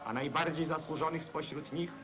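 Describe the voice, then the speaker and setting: A man's voice: fairly high pitch, steady tone, moderate pace. Male narrator in an old 1940s newsreel. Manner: formal, declamatory. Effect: old 1940s newsreel recording. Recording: dull lo-fi 1940s film sound with loud music.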